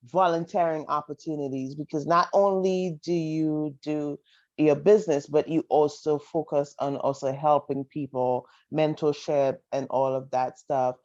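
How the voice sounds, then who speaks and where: A woman's voice: sits low, fairly even intonation, a little slow, darkish tone, no echo. A woman hosting a podcast interview, asking questions in an encouraging, affirming way. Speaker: podcast host. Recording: dull, dry lo-fi audio.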